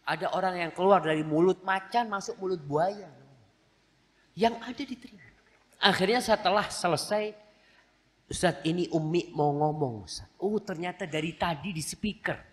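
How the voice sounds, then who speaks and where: A man with a slightly high voice preaches an Islamic sermon at a normal speed in a large hall. He tells stories animatedly, mixing in acted-out voices of the people in them.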